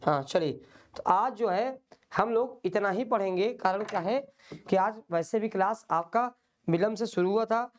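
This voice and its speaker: A man's voice: high-pitched, normal speed. Man drilling a grammar lesson. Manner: drills by repeating questions and answers; plain, patient explaining. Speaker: exam-prep teacher. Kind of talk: online lecture.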